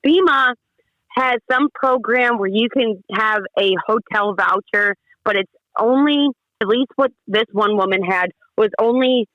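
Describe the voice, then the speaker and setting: A woman from Ohio, a volunteer relief organizer, telling her story in an interview in a lively way, acting out what people said. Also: mid-range voice, unhurried, no echo, dull audio. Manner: lively storyteller who acts out quotes.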